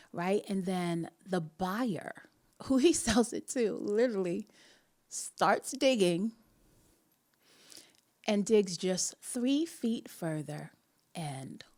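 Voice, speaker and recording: A woman with a Jamaican accent hosts a live online talk in a lowish, slightly mellow voice. She tells a personal story in a chatty, earnest, motivational way, often laughing between phrases.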